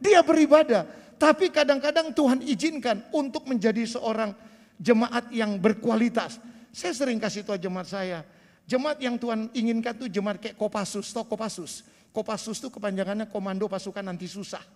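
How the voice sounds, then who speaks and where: Man in his sixties, pastor, sermon, high voice, long hall reverb, loud bursts and soft asides. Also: moderate pace. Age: 60s. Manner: preaching with rising bursts and dropping to quiet asides. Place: church sanctuary.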